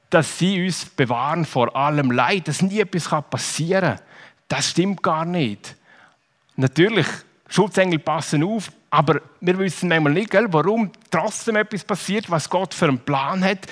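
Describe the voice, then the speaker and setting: A man speaking, his voice sitting somewhat high. He gives a children's sermon as a lively storyteller. He keeps turning questions back to his young listeners. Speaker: preacher.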